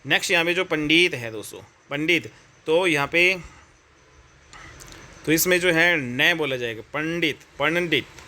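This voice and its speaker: A man's voice: fairly high pitch, normal speed, pauses often, pushed and bright. An Indian man teaching an exam-prep Hindi grammar lesson, chatty and repetitive, often calling his viewers friends and brother.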